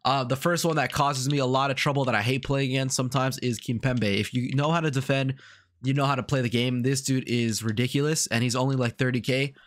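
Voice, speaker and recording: A gaming YouTuber, congested from a cold and sounding sick, rambles casually through video game commentary, repeating himself and using lots of fillers. His voice is medium-pitched, steady in tone and brisk.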